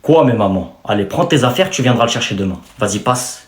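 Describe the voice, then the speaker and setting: A man voicing a sharp-tongued grandmother who barks curt orders in a low, rough voice. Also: animated, a little fast, reverberant, lightly acted. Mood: gruff. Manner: curt, insulting and commanding.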